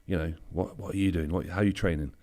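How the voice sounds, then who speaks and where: Guest spot: a man with a very low voice, relaxed anecdotal talker. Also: quick pace. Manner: easygoing anecdotal storytelling, loose with fillers. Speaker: bodybuilder guest. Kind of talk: casual interview chat.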